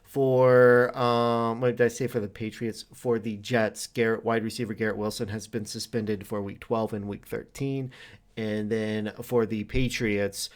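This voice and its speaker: A man hosting a weekly league show, explaining rule violations in a halting but firm way with many fillers. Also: on the low side, flat delivery. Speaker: league commissioner host. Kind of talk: casual league update talk.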